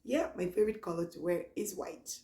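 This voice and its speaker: Young woman, Nigerian accent, lowish voice, relaxed chatty vlog talk, echoey room. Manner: chatty and relaxed, reads questions aloud slowly. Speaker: vlogger. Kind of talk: casual Q&A vlog.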